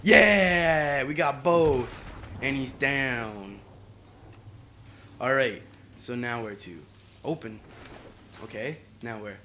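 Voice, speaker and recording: A man's voice: mid-range voice, slow pace, long pauses, bright, forceful tone, a little hiss or hum. A young man giving casual let's play commentary, playful and boastful, often exclaiming as he plays. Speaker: gamer.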